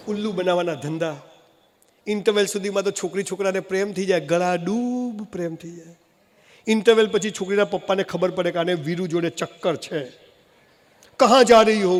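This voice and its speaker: A man from Gujarat, India, giving a humorous motivational speech, telling animated stories with jokey asides. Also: high voice. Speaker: motivational speaker. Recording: long hall reverb, faint noise.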